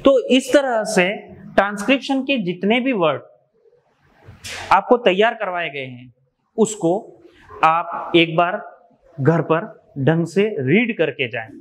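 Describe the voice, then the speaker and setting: A man's voice: high voice, lively intonation, slow, long pauses. A man from India giving an exam revision lecture, explaining step by step and repeating key terms. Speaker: teacher.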